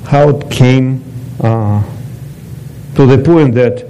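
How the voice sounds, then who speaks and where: Mellow-voiced man from Ukraine giving a testimony. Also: mid-range voice, slow pace, slight background noise, poor audio. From eastern Ukraine. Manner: non-native phrasing, chatty with asides to the audience. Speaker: guest speaker giving a testimony. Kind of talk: personal testimony talk.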